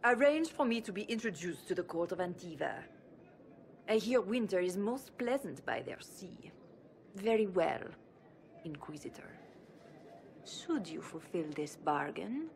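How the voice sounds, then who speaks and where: In a video game cutscene, an actress with a lowish, creaky voice plays a snobbish, imperious older minister. She speaks in a disdainful, deliberate, condescending manner with a calculating mood, and the recording has a slight hiss or hum.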